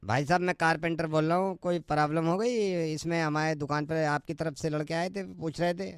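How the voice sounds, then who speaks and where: A man making a prank phone call while posing as a carpenter, calm and mildly defensive. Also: fairly high pitch, fairly quick, smooth, dry recording, studio quality. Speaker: radio prank caller.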